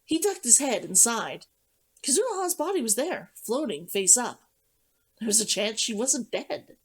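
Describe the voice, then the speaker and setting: A woman reading a novel aloud as a streamer, narrating in an expressive, dramatic storytelling manner. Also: on the high side, measured pace, breathy edge. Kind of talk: audiobook-style story narration.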